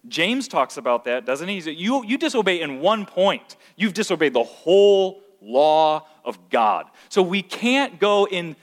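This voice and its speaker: A man teaching scripture to a group, asking the room questions and getting louder and higher when he makes a point. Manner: animated, asks the room questions, rises in pitch when emphatic. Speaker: pastor teaching a class. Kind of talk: interactive Bible teaching. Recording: long hall reverb.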